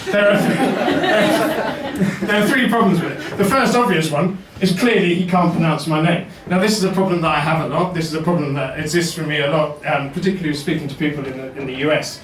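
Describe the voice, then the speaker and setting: A man's voice: a little high, brisk, fairly bright tone, far from the mic, slight background noise. A man performing a wry, self-deprecating stand-up comedy set in a basement comedy venue. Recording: roomy echo, mic heard from afar.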